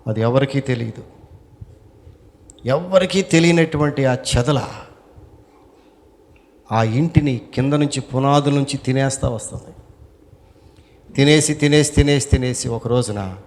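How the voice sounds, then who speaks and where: A male pastor with a Telugu accent preaching a sermon, asking the congregation questions, repeating phrases and climbing louder on key lines. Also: mid-range voice. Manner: asks the congregation questions and answers them.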